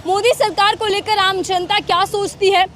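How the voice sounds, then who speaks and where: Woman street reporter, high pitch, outdoor vox-pop, challenging tone. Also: fairly even intonation, moderate pace, fairly bright tone, a little hiss or hum. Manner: pointed, challenging questions.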